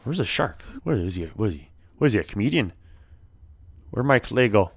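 Animated man narrating gameplay. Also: lowish voice, fairly quick, husky. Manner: chatty, animated, talks to game creatures. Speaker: let's play gamer. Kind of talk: casual gameplay commentary.

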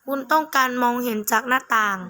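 Bright, high-voiced, blunt female gamer. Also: fast talker. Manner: blunt, mocking, foul-mouthed. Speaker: gamer playing through a horror game. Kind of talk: casual gameplay commentary, reading game text aloud.

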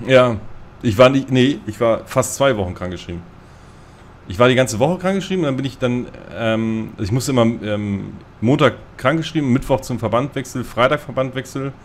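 A man's voice: medium pitch, moderate pace, a little hiss or hum. Rambling self-mocking man. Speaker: gamer on a multiplayer voice chat. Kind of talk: casual storytelling chat.

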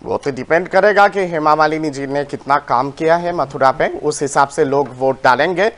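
A man's voice: fairly high pitch, moderate pace, fairly bright tone. A man, a political analyst on a TV debate panel, speaking indignantly and switching into English. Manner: indignant, mixes English into his talk.

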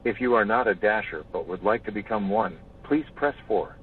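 A man's voice on a recorded phone menu message, reading automated prompts in an even, measured way. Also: on the low side, distant mic, slight background noise. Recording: tinny phone line from a speaker.

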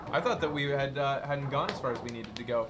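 A man's voice: mid-range voice, lively intonation, quick pace. A young man hosting a casual video game session and commenting as he plays. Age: young adult. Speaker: host playing a video game. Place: indoor studio set, seated on a couch. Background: video game music.

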